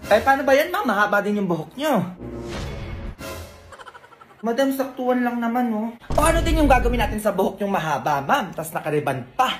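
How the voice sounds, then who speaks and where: A woman's voice: on the high side, faint music behind. Playful woman acting out comic skits. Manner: lively, quick character switching, bickering. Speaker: comedy sketch creator. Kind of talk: comic skits playing several characters.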